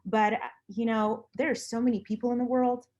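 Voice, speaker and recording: A woman's voice: a little high, flat delivery, brisk, darkish tone, dull audio. Earnest woman. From Lithuania. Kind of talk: casual conversation about personal views.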